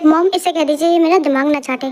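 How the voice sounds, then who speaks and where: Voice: sits high, steady tone, quick pace, a little mellow, close to an everyday voice. A performer voicing a bossy teenage girl in an amateur fan dub, squabbling and stammering with fillers. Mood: complaining. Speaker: sister.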